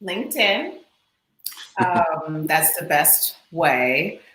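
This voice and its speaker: Bright friendly woman, echoey room. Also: deep voice, big pitch swings, drawn-out words, slight background noise. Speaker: guest. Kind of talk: casual podcast chat.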